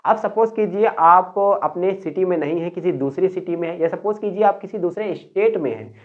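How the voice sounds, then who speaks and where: A man from Uttar Pradesh, India, giving a spoken English lesson. He explains step by step and slows down to model each phrase. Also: high-pitched. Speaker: English teacher. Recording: tinny phone-like sound.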